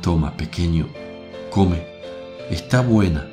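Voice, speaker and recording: An actor playing Jesus as a calm, gentle man in a radio drama, speaking softly and soothingly. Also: sits low, takes it slowly. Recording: music bed behind voice.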